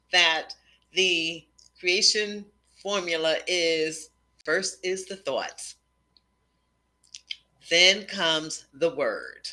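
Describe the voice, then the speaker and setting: A woman's voice: low-pitched, bright, forceful tone, rough recording. A woman hosting a casual spiritual conversation, teacherly and repeating key points. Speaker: host.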